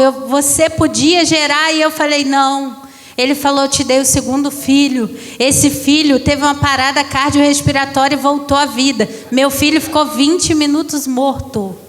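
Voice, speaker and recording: A woman's voice: high voice, in a large hall. A woman in her thirties, a pastor giving an emotional testimony to a congregation, calling them brothers. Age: 30s. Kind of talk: church testimony.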